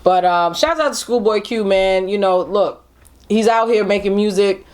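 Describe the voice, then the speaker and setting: A woman's voice: medium pitch, moderate pace, darkish tone. Female podcast co-host; casual, chatty, laughs easily, repeats herself. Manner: chatty, frequent fillers and repeats. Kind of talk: casual music review chat.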